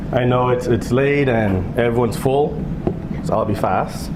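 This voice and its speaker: Bahamian-born man speaking in an echoey hall. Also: mid-range voice. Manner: relaxed, joking asides. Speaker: guest speaker, physician. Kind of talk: fundraiser speech. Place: event hall. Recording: echoey hall with background noise.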